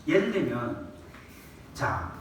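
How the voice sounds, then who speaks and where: A man's voice: mid-range voice, takes it slowly, a little hiss or hum. A male revival preacher, delivering a colloquial sermon and quizzing the congregation. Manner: lively, colloquial, asks the congregation questions and acts out quoted scolding. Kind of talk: revival sermon with call and response. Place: church sanctuary. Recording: echoey church hall, distant mic.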